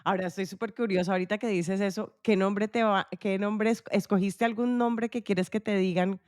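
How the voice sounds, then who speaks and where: A woman's voice: medium pitch, steady tone, fairly quick, a little mellow, dry recording, clean studio sound. A woman hosting a podcast interview, chatty and enthusiastic, with fillers and restarts. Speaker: podcast host. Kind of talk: casual interview.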